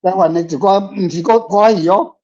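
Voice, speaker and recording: Fairly quick and a touch mellow, this high-pitched male voice carries a Taiwanese accent. As a guest author on a panel, he replies casually, wandering off track and saying things twice, all captured in dull, lo-fi audio.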